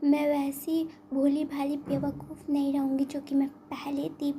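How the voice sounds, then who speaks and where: A woman voicing a haughty, fearless young villainess noblewoman in a storybook-style comic retelling, speaking slowly and deliberately. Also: high-pitched, flat delivery, dark tone, slight background noise. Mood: resolute.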